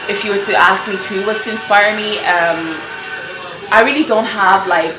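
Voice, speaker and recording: A woman's voice: medium pitch, moderate pace, roomy sound, music in the background, low-quality recording. A nineteen-year-old woman from Nigeria, a fashion blogger answering interview questions casually, with lots of "um" and "you know". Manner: chatty, many fillers like "um" and "you know".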